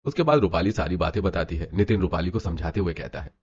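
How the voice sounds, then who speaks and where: Brisk male cartoon narrator. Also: low voice, lively intonation, darkish tone. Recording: dull lo-fi with music.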